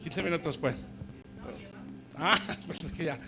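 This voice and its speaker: A man's voice: on the high side, measured pace, gravelly, loud music behind the voice. A male pastor preaching conversationally, often checking in with "¿sí?" and acting out quoted voices. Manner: acts out quoted voices in dialogue. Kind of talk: sermon. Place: church service.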